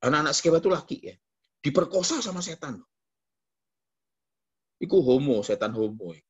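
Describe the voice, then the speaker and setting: A man with a Javanese accent preaching a lively sermon as pastor, jumping into mock voices and quoted asides. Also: on the high side, normal speed, breathy edge, lo-fi sound.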